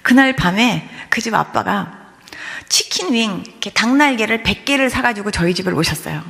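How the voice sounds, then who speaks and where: A woman's voice: mid-range voice, expressive, normal speed, vocal fry, a bit bright. A woman pastor giving a testimony sermon, telling the story with animation and acting out the prayers and voices in it. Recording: long hall reverb.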